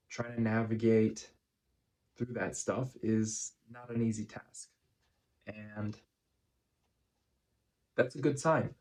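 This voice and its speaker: A man giving a casual running vlog recap in measured, deliberate phrases with frequent pauses. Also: lowish voice, darkish tone, rough recording. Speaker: running vlogger.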